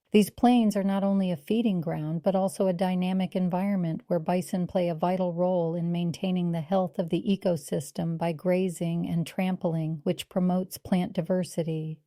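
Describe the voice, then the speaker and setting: A woman reading scripted nature documentary narration in a measured, earnest and polished way. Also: lowish voice, warm tone, no echo, studio quality.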